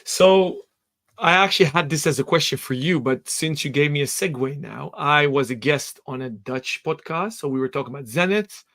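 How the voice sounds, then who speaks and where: Upbeat male interview host, higher voice. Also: moderate pace, a bit bright. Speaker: podcast host. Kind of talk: live interview.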